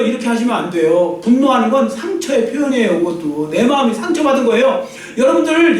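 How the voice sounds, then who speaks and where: A man with a high voice preaches to a congregation, pressing his points hard and slipping into the voices of troubled people. He sounds far from the mic, caught in a very echoey church hall. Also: a little mellow. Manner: emphatic, acts out quoted inner voices. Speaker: pastor. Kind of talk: sermon. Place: church sanctuary.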